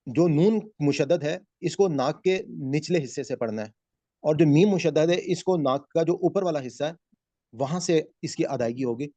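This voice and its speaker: A man teaching a Quran recitation class over a video call, explaining slowly and calling on students by name. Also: a little high, mellow, dry recording. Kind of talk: online class teaching, mixing Urdu and English.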